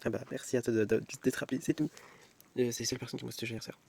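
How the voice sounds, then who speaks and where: A man's voice: mid-range voice, steady tone, very fast, creaky, darkish tone, slightly rough. A young man filming a casual vlog at home on his phone, rambling and mocking himself, often restarting and repeating words. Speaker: vlogger. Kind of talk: casual self-filmed vlog. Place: at home at night.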